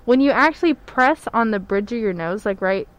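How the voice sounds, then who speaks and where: A woman's voice: mid-range voice, animated, normal speed, clear, resonant tone. A woman co-hosting a casual podcast, chatty and giggly, sharing odd facts with frequent fillers. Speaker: podcast co-host. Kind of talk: casual chat.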